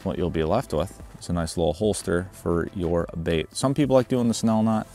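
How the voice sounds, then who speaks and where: Low-voiced man talking on a river. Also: moderate pace, soft background music. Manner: relaxed, chatty, instructive. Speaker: fishing guide and vlog host. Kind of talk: casual outdoor vlog narration and how-to. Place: outdoors on a river.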